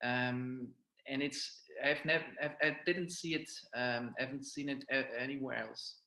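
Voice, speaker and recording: Hesitant young Belgian man, bright and roomy. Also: mid-range voice, fairly even intonation. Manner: hesitant, halting with restarts. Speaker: violinist guest. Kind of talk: interview conversation. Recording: roomy echo.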